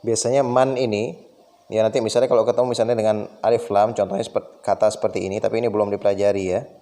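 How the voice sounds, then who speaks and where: A man's voice: on the low side, little pitch movement, fast, dark tone. A man teaching an Arabic lesson, patiently asking the class questions and then answering them himself. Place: meeting room.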